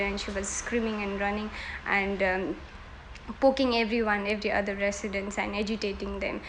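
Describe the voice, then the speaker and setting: A woman's voice: medium pitch, a bit bright, slight background noise, poor audio. A woman, giving earnest, hesitant answers in a mock job interview. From Nepal. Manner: earnest, hesitant, self-correcting.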